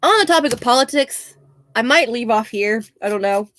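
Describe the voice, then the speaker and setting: A young woman, a bit hoarse, chatting casually and laughing often as she rambles. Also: on the high side, lively intonation, moderate pace, a bit bright. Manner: chatty, laughs often, self-deprecating asides. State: slightly hoarse.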